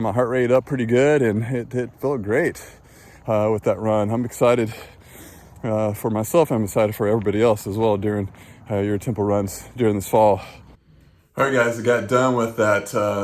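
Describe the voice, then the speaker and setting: A man chatting casually to viewers as a running vlogger, in a rambling, halting way. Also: fairly low pitch, a little mellow, echoey room. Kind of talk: casual vlog talk to camera.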